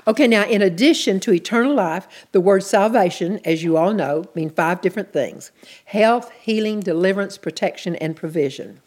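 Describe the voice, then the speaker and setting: A woman's voice: mid-range voice, animated, moderate pace, darkish tone, slightly rough. A woman teaching a sermon in an earnest, plainspoken way, repeating her key points. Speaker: Bible teacher.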